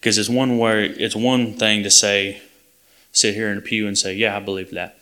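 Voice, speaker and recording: A man's voice: fairly low pitch, fairly even intonation, normal speed, pushed and bright, smooth. A man preaching a sermon in an earnest, plain-spoken way, often restarting his sentences.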